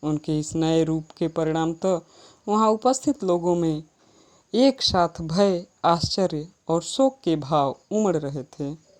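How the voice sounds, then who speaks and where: Woman, teacher, poetry lesson, recites then explains, unhurried, low-pitched. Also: animated, darkish tone. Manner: recites verse lines then explains them plainly.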